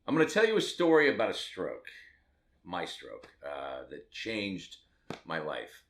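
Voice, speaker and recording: A man's voice: low voice, wildly swooping pitch, measured pace, a little hiss or hum. A man in his fifties from Las Vegas, a tattoo artist telling his own story to the camera in a candid, rambling way with self-mocking asides. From Las Vegas, Nevada, USA.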